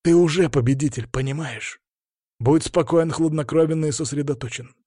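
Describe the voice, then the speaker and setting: A man's voice: fairly high pitch, normal speed, mellow, husky, no room sound, studio quality. A man voicing an earnest boxing coach. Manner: earnest, encouraging. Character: calm middle-aged male boxing coach.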